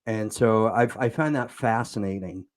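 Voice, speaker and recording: A man's voice: fairly low pitch, moderate pace. A man hosting an interview show, asking questions in a rambling, hesitant way with many fillers. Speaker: show host. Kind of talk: casual interview talk.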